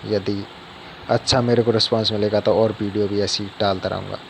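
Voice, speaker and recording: A man's voice: on the low side, little pitch movement, a little fast, vocal fry, background noise. A man giving a casual spoken Hindi grammar lesson, explaining step by step and often asking the viewer questions.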